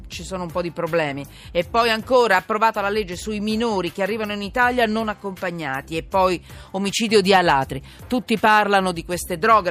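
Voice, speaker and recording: A radio host presents a live current affairs show from a studio, her voice on the low side with a fairly bright tone. She's informal and emphatic, drifting off topic and repeating herself, heard through a studio broadcast microphone.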